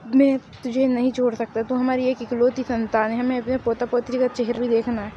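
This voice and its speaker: A woman's voice: a little high, little pitch movement, a little fast, noisy background, close to an everyday voice. A woman voicing a middle-aged father who pleads with his daughter. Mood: pleading.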